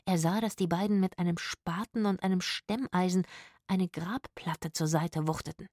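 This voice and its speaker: A woman reads a children's adventure story aloud with expressive storytelling. Her voice is on the low side. The recording is close and dry, with no room sound. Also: normal speed, no room sound. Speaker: audiobook narrator. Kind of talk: scripted storybook narration.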